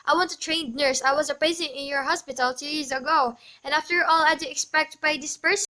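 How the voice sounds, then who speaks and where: A teenage girl plays a nervous invalid woman, bedridden and alone, who talks in a high, bright voice. She is fretful and insistent, and her demands keep spilling over into panic. It is a school radio play. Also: steady tone, fast. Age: teens. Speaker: student actor.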